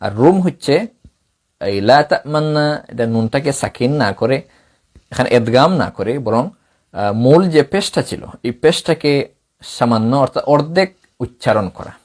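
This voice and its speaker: A middle-aged man from Bangladesh teaches a religious tajweed lesson at an unhurried, deliberate pace. His voice sits in an ordinary middle register. He explains step by step and slips into melodic chanted examples. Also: medium pitch, animated, a little mellow. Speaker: Quran recitation teacher.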